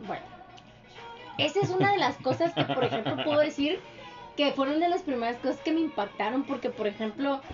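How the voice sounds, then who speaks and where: High-voiced woman chatting. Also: muffled recording. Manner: chatty, acts out neighbors' lines in quick voices. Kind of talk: casual chat.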